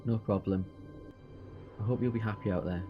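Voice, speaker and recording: A man acting in an audio drama as a kindly, whimsical time-travelling adventurer, expressive and theatrical. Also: on the low side, normal speed, dull audio, lightly acted. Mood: admiring, playful. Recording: faint music behind the voice.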